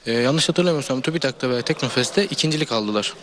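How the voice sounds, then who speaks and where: Fast-talking earnest teenage boy. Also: mid-range voice, animated, a bit bright. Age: teens. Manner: earnest, speechlike, many hesitations. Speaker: high school student. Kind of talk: interview answers.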